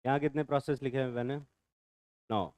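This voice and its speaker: A man's voice: mid-range voice, fairly quick, darkish tone, no room sound. A male chemistry teacher, lecturing a class in a bantering way, quizzing students and answering his own questions.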